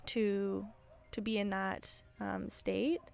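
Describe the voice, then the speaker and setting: A woman's voice: mid-range voice, flat delivery, takes it slowly, creaky, a little mellow. A woman hosting a podcast, giving an enthusiastic, encouraging motivational talk in a chatty way, often restarting her sentences. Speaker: podcast host.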